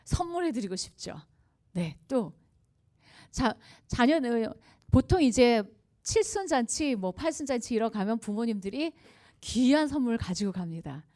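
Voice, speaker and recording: A woman speaks to a church congregation at a revival service, her tone mellow and warm. She lectures conversationally, spinning anecdotes and often turning to the audience with questions between light laughs. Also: on the high side, sing-song, unhurried. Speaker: guest speaker at a revival meeting.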